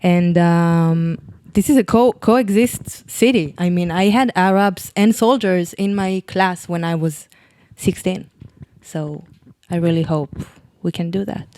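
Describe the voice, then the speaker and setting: A woman's voice: on the low side, measured pace, darkish tone. A young woman from Israel with an Israeli accent, answering conversationally as a panel guest.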